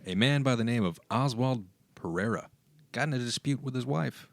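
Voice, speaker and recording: A man's voice: medium pitch, normal speed, vocal fry, no echo. A man co-hosting a casual podcast, telling a story in an easygoing way with dry humor. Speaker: podcast co-host.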